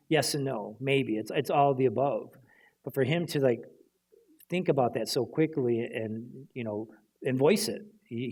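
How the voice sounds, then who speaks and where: Animated male panel storyteller. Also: medium pitch, husky. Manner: animated anecdotal storytelling, acting out quotes. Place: stage at a library event.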